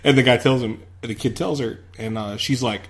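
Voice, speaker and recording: A man's voice: medium pitch, fairly even intonation, moderate pace, a bit bright. Guy co-hosting a podcast, dry jokes, curses here and there. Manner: dry, profane asides. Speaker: podcast co-host. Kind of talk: casual chat.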